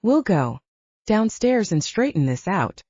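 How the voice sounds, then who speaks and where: A woman voicing a gruff, possessive male werewolf alpha in an audiobook, speaking in short, blunt lines. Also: medium pitch, sing-song, unhurried, warm tone, no echo, lo-fi sound. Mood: curt. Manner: blunt, curt.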